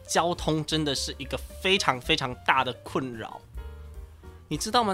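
A young man in his twenties with a Taiwanese Mandarin accent, hosting a casual podcast and telling a story in a loud, animated, ranting way. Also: on the high side. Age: 20s. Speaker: podcast host.

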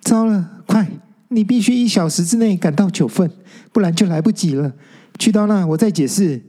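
Brief: man doing a haughty young female ghost protector, high lively voice, dark mellow tone. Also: normal speed, creaky, husky, full character voice. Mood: urgent. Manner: teasing, haughty, scolding. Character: bossy smug young female ghost guardian.

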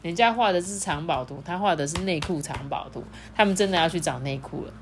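A woman, a mother reading a children's story aloud in a playful, animated way and asking her child questions. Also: on the low side, fast, slight background noise.

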